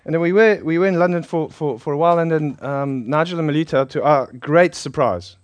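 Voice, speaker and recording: A man's voice: a little high, brisk, no room sound, highs cut off. Chatty South African-accented male preacher. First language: Polish. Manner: chatty, self-deprecating, laughs often. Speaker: pastor. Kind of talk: informal preaching to a congregation.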